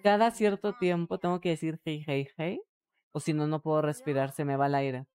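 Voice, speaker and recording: Low-voiced Mexican woman streamer. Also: a little fast, a little mellow, clear, resonant tone. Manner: crude, joking, talks to chat. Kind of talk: casual live gameplay commentary.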